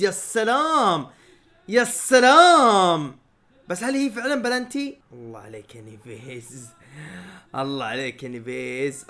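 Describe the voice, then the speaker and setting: A man with a Saudi accent giving live match reaction commentary as a football fan streamer, excitable, shouting at players and the referee and laughing often. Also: medium pitch. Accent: Saudi Arabic.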